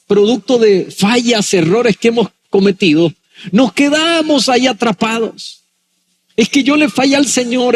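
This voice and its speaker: A pastor preaching to his congregation, his voice pitched high for a man and a little husky. He slows down for dramatic pauses and acts out the people he quotes. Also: darkish tone. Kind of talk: sermon.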